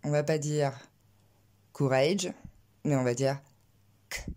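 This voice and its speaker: Female pronunciation teacher, lowish pitch, deliberate delivery that slows down to demonstrate words. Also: flat delivery, warm tone. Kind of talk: scripted online lesson.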